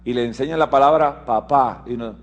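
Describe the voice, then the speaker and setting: A man's voice: brisk, highs cut off. Man preaching a lecture-style sermon. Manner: explanatory, asks listeners if they follow; shifts between emphatic raised passages and low quiet asides. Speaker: preacher and physician. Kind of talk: sermon mixed with a medical lecture.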